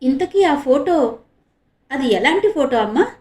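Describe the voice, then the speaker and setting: A woman's voice: sits high, animated, a little slow. A woman voicing a young male reporter who comforts his younger sister with concern. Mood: coaxing. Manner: eager, concerned, soothing. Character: young male reporter, protective elder brother. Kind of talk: audiobook character reading.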